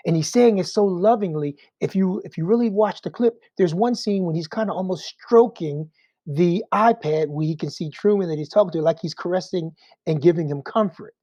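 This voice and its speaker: Warm-voiced man teaching Bible class. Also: high voice, moderate pace, no room sound, dull audio. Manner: conversational, rhetorical questions. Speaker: Sunday school teacher.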